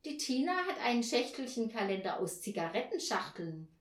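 A woman's voice: a little high, very animated, a little fast, reverberant. A woman doing a chirpy bossy little girl. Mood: chatty. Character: bright, bossy young girl.

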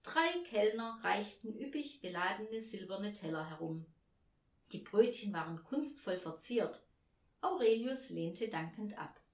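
A woman's voice: mid-range voice, lively intonation, a little slow. A woman narrating a Christmas storybook expressively and voicing each character. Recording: roomy echo.

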